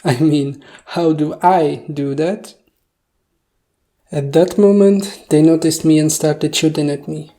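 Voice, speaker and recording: A woman's voice: deep voice, steady tone, slow. A woman, a native Czech speaker, casually recounting a dream in a puzzled, self-deprecating, jokey way with rhetorical asides. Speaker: video storyteller. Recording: faint background music. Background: soft music.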